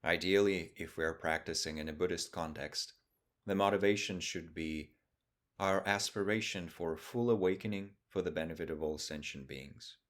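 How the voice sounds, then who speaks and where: Leading a guided meditation, a man with a low voice speaks calmly as a teacher, giving short, measured phrases with lengthy pauses in between.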